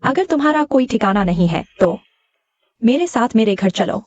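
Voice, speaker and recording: An actress playing a kind young heiress in a dubbed short drama, soft and gentle. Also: female voice, on the high side, lively intonation, moderate pace, muffled recording, natural voice. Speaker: rich heiress, female lead.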